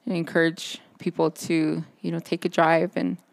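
A woman with a fairly low, flat voice co-hosts a relaxed faith podcast. She talks in halting starts and restarts, leaning on fillers as she gathers her thoughts. She is recorded outdoors under a backyard overhang. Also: creaky, no echo. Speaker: podcast co-host. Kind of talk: casual faith chat.

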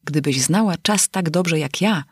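A woman's voice: low voice, unhurried, breathy edge, dry recording, studio quality. A woman voicing a whimsical, rambling male hatter at a tea party in a storybook reading. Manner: rambling, sing-song.

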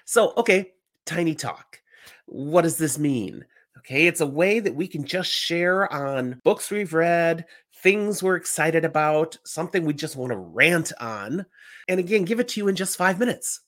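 Animated man podcasting with a slightly stuffy nose. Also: a little high, normal speed. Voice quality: slightly stuffy, congested voice from a cold. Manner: informal, emphatic, animated. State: getting over a cold. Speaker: podcast host. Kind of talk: enthusiastic solo book-talk podcast.

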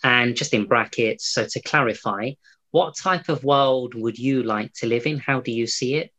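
A man's voice: mid-range voice, moderate pace, sharp tone, low-quality recording. A man hosting an interview, asking long, winding questions with many restarts. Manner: rambling, full of fillers and restarts. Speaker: interview host. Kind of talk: hosted interview.

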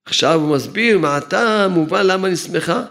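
A man gives a religious lesson and repeats each point to drive it home. His voice sits high and has a gravelly crackle. He chuckles now and then at his own remarks. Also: animated, fairly bright tone. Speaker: rabbi teaching a Torah lesson.

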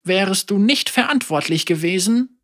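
An elderly woman, teacher and mother, speaks with calm, dry wit and gentle teasing, voiced by a storybook narrator. Her voice sits high and lilting and moves with lively melody. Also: normal speed.

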